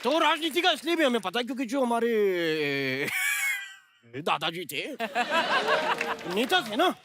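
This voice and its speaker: Brief: man, very high comic voice, slow deliberate delivery, loud audience laughter and music behind. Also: huge pitch swings. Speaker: comedian performing a sketch. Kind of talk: live comedy sketch with singing. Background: studio audience laughing and band music.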